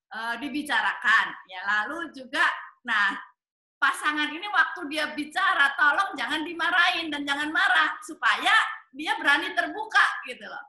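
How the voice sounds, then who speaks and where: Gentle high-voiced woman counselor. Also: echoey room. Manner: gentle, hesitant, many fillers. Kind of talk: answering questions on a talk show.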